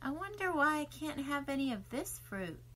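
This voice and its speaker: A woman voicing a soft-spoken young girl. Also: high voice, big pitch swings, voice pushed up, poor audio. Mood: wondering. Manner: soft, slow, wondering. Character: young girl, curious and tempted.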